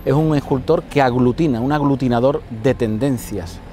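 A middle-aged man, a painter as guest, explaining art outdoors in a city square, measured and full of hesitant fillers. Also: mid-range voice, dark tone, faint music behind. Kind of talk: outdoor conversation about art.

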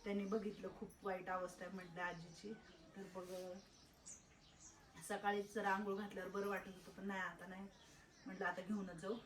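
A woman, a caretaker at an old age home, gently coaxing and calming residents in casual talk, often repeating herself. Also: mid-range voice, normal speed, slight background noise. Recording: echoey room.

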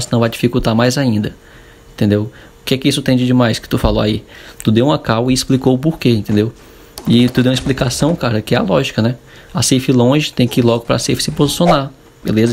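A man's voice: mid-range voice, a little mellow. A young Brazilian man coaching gamers in a casual advice vlog, chatty and full of tag questions. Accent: Brazilian Portuguese. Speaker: gaming coach.

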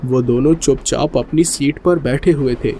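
A man narrating a horror story in a steady, suspenseful way. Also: mid-range voice, normal speed, a little hiss or hum.

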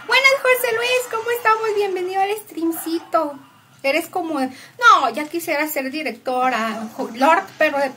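A woman's voice: high-pitched, a bit bright. A young woman chatting casually on a live stream, upbeat and greeting and thanking viewers by name. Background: music.

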